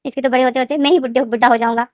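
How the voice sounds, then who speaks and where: A grumbling, disappointed young man complains in a whiny, raised voice, as a woman storyteller puts him on. The voice is high, quick and close-miked, with no room sound. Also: fairly even intonation, a little mellow, no echo, close to an everyday voice. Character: young adult male omega, grumbling and disappointed.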